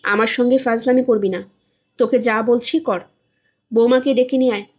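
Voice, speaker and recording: A woman's voice: on the high side, fairly even intonation, normal speed, husky. A woman voicing a stubborn, scolding older mother in a storybook reading.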